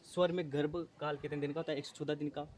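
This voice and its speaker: A man's voice: on the high side, level tone, quick pace, darkish tone, a little hiss or hum. A male teacher running an exam-prep lesson, repeating terms, asking and answering his own questions, often correcting himself.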